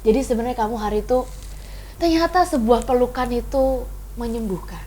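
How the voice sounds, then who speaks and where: A woman's voice: fairly high pitch, a little fast, mellow, a little hiss or hum, low-quality recording. A young woman co-hosting a talk show, asking short probing questions and laughing easily. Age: young adult. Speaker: co-host.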